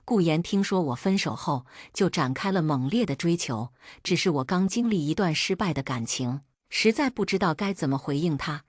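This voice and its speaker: Female narrator, husky and low-pitched, first-person novel read with a dry sound. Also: expressive, moderate pace, few pauses, dry recording. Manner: reads all parts in her own voice.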